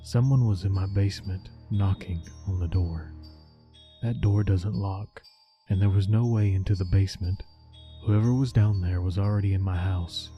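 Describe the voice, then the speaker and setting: A man narrating a scripted first-person scary story in a low, haunting, measured voice. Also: fairly even intonation, lo-fi sound. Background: background music.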